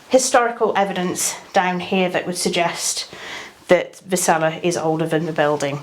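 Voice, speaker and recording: An English woman, a tattoo artist, explaining things informally to camera in a hesitant, measured manner. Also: on the low side. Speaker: tattoo artist giving an interview.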